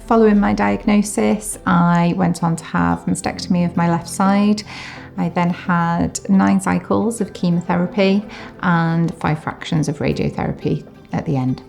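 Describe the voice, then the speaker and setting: A woman in her forties introducing herself as a patient, giving clear facts about her treatment. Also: fairly low pitch, steady tone, normal speed, a little mellow, faint music behind. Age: 40s. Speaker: patient sharing her experience. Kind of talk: personal introduction.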